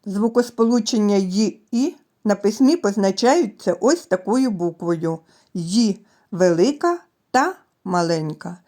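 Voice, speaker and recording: Woman preschool teacher, mellow and unhurried, gentle delivery for small children. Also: medium pitch, animated. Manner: gentle, addresses children directly, stretches sounds. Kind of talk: slow, clearly articulated literacy lesson for children.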